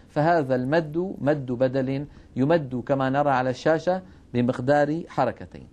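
Measured male Quran recitation teacher. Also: mid-range voice, a little mellow. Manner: measured, drawing out example sounds. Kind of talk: televised religious lesson.

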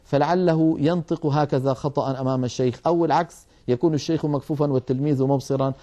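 Male tajweed teacher, warm mellow voice, patient explanatory delivery. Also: on the high side, fairly even intonation. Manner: measured, demonstrates sounds slowly. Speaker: Quran recitation teacher. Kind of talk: explanatory lesson on letter pronunciation.

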